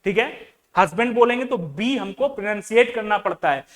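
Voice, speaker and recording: Teaching exam-prep reasoning, a man quizzes his students and repeats key words, dropping English terms into his speech. His voice is high-pitched with lively intonation and a normal speed.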